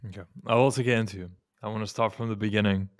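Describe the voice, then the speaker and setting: A man's voice: on the low side, steady tone, quick pace, clean tone. A man hosting an interview, asking brief, direct questions. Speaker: interview host. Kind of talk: casual interview.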